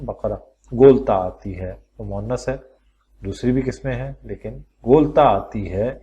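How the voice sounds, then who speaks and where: A male teacher with a low voice leads a recorded lesson. He walks through the material step by step and asks the class questions aloud. He slows down and draws out each word form when he lists examples. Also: mellow. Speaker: Quran teacher.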